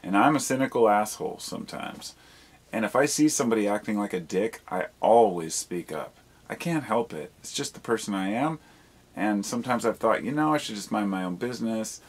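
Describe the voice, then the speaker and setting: This man, a video blogger, rambles casually and candidly with some swearing, reflecting aloud and second-guessing himself. He talks a little fast in a lowish, animated, slightly rough voice.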